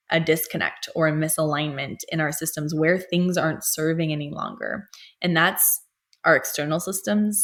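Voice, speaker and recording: A young woman, an astrologer and healer, musing softly in a meandering spiritual monologue with many fillers, speaking from home. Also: sits low.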